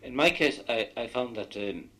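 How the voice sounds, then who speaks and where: Guesting on a radio discussion, this man from Ireland, a native Irish speaker, wanders through stories of things he has lived. He talks at a normal speed in a medium-pitched voice with a sharp tone.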